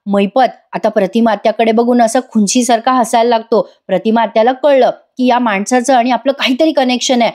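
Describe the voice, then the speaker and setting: A woman giving a voice-over recap of a TV serial, telling it in a lively way and speaking straight to her viewers. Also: on the high side, a little fast, hardly any pauses. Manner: lively storytelling, addresses viewers directly. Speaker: serial reviewer.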